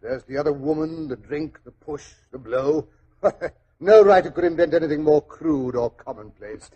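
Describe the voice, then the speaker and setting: An actor playing a genial, chatty older doctor in 1940s radio style, an avuncular and hesitant storyteller. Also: male voice, on the high side, lively intonation, normal speed, warm tone, breathy edge, lo-fi sound. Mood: amused, sceptical. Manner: avuncular, hesitant, chuckling raconteur. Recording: old 1940s radio recording.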